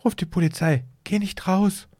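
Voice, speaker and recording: A man's voice: high voice, fairly even intonation, normal speed, darkish tone, dry recording, clean studio sound, voice pushed up. A man voicing a frightened wife who pleads in a trembling voice, in a read-aloud horror story. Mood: frightened pleading.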